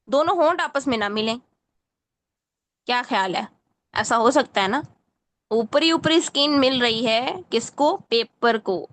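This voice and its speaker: A woman's voice: fairly high pitch, fairly bright tone. A woman teaching Quran recitation in an online lesson, correcting a student patiently and often checking that she follows.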